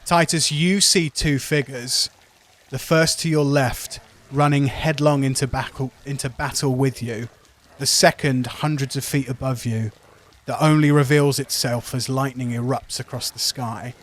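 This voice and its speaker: A man running a tabletop game, narrating dramatically and descriptively with deliberate pauses. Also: medium pitch, fairly even intonation. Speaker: game master.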